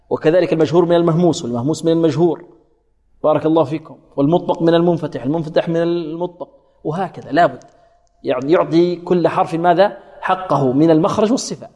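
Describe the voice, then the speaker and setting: A man teaching Quran recitation rules, asking questions, answering them himself, and drawing words out slowly to demonstrate. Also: fairly high pitch, darkish tone, long reverb tail. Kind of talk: tajweed lesson with demonstrated recitation.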